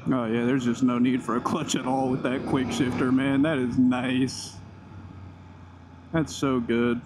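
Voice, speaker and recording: Riding outdoors, a motorcycle vlogger gives laid-back, enthusiastic first impressions, talking to himself and his viewers through a helmet mic right at his mouth. His medium-pitched voice is flat and measured, enclosed in the helmet amid wind and engine noise.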